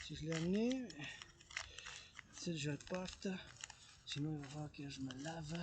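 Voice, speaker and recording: A man with a Québécois French accent, rambling excitedly while walking outdoors and filming a vlog, mixing French and English. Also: on the high side, moderate pace, noisy background. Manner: loose and excitable, switches between French and English. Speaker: vlogger. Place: outdoors on a mountain path.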